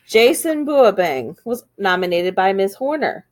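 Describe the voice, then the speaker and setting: A woman's voice: medium pitch, very animated, unhurried, a little mellow. A woman reading school morning announcements in an upbeat, sing-song way.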